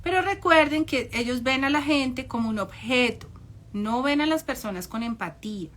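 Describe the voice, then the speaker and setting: A woman's voice: sits high, animated, moderate pace, a bit bright. A woman giving an informal, conversational talk on narcissistic parents, often ironic and acting out the voices she quotes. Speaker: psychology speaker.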